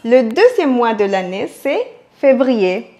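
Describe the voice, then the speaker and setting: Slow, careful woman teaching pronunciation. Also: on the high side, very animated, mellow, faint music behind. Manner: slow, deliberate, repeating words for practice. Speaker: Spanish teacher. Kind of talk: scripted language lesson.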